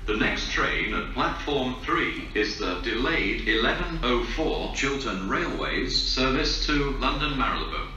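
A man's recorded voice on a railway platform loudspeaker, reading out trains in a flat, measured way. It rings through a very echoey space, heard from a distance with music behind it. Each word is spaced evenly, like an automated announcement. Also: medium pitch, lo-fi sound. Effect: station loudspeaker announcement. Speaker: station announcer.

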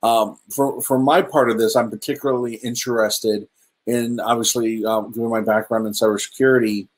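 A middle-aged man presents slides casually over a webcam video call from an indoor room at home, speaking at a virtual meetup. His mid-range voice is flat and moderately paced, and he's hesitant and chatty, full of ums and restarts.

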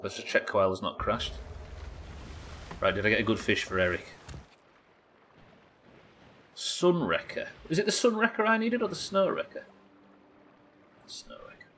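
A British live game streamer in his thirties rambles through casual, sweary commentary, questioning himself and chatting with viewers from a small indoor streaming room. His voice is on the low side and a bit bright, at a normal speed with frequent pauses. There's a little hiss or hum on the recording.

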